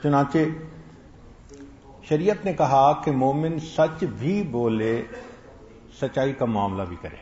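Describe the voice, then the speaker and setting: A man's voice: medium pitch, expressive, long pauses, darkish tone. Man preaching in an echoey room. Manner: storytelling, acting out quoted lines. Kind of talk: sermon. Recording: echoey, dull lo-fi sound.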